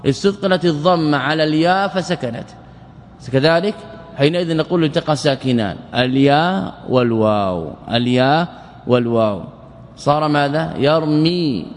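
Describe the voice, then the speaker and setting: A man teaching Arabic morphology in a lecture, repeating words slowly and asking and answering his own questions. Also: a little high, lively intonation. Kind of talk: classroom lecture explaining grammar. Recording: long hall reverb.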